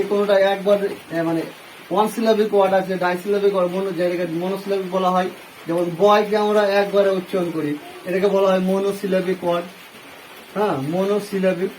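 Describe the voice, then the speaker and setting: High-voiced Bengali man teaching grammar. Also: fairly even intonation, a little fast, a little mellow, slight background noise, rough recording. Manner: explains step by step, asks and answers his own questions. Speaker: English teacher. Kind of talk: classroom grammar lesson.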